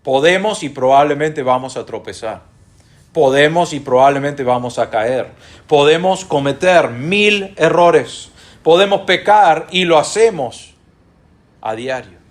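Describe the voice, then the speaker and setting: Expressive and on the high side, this man's voice carries an Argentine accent as he preaches to his congregation. He slows earnestly on key phrases and puts rhetorical questions to the listeners.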